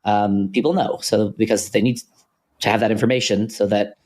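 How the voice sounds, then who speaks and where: A man co-hosting a podcast, talking through ideas in a thoughtful, hesitant way with many pauses and restarts. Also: lowish voice, fairly even intonation, darkish tone. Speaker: podcast co-host. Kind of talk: casual philosophical conversation.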